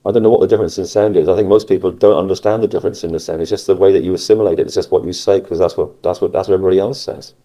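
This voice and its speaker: A man from Cornwall with a Cornish West Country accent, chatting casually in a halting way and repeating phrases for emphasis. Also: sits low, steady tone, mellow. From Cornwall, England. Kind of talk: casual conversation about dialect. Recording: muffled cassette recording.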